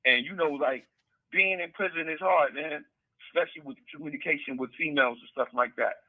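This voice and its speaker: A middle-aged man, an author appearing as an interview guest, tells stories casually over a tinny prison phone line through the handset. His voice is on the high side and fairly quick, with no echo, and he rambles loosely, repeating words and using street slang.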